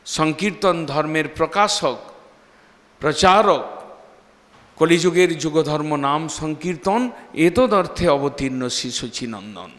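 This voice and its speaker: A man delivers a devotional sermon as a monk, his fairly high voice swinging between loud, dramatic peaks and hushed drops. He chants verses between passages of storytelling. His voice rings with a long reverb in a hall. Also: animated, slow pace. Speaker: monk preacher.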